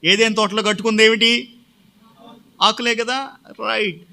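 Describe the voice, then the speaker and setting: A man's voice: sits high, fairly even intonation, measured pace, gravelly, pushed and bright. A male pastor preaching a sermon, often putting questions to the congregation and answering them himself.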